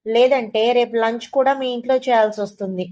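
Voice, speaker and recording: A woman storyteller voicing a sly, sarcastic older male moneylender who drawls and flatters. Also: on the high side, fairly quick, voice pushed up, natural voice. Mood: flattering.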